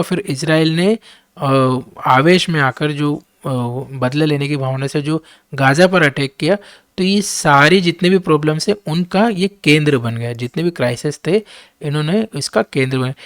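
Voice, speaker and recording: A man with an Indian accent, an English teacher who reads editorial lines slowly and then explains them in quick Hindi. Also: fairly high pitch, no room sound, clean studio sound.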